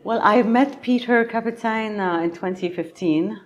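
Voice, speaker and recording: A middle-aged woman from Egypt, a patient advocate answering conference interview questions thoughtfully, pausing often with fillers. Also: medium pitch, dull audio. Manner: thoughtful, many pauses and fillers.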